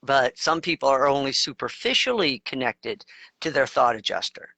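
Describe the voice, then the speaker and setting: A man's voice: medium pitch, lively intonation, moderate pace, creaky, sharp tone, no echo. A man co-hosting a casual spiritual discussion, talking emphatically in long runs with crude asides. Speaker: co-host.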